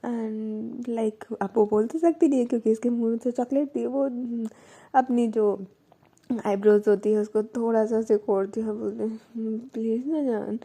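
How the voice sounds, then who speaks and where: Gravelly-voiced woman telling a love story. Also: on the high side, fairly even intonation, moderate pace, mellow. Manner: conversational, with fillers and self-corrections. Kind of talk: casual storytelling narration.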